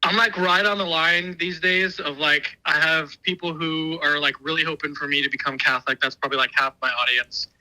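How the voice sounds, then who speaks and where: A man's voice: fairly high pitch, steady tone, brisk, hardly any pauses, pushed and bright, poor audio. A man calling in to a show and heard over a speakerphone, talking thoughtfully and hesitantly with many fillers. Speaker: guest calling in. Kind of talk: casual call-in conversation. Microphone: phone call played over speakerphone.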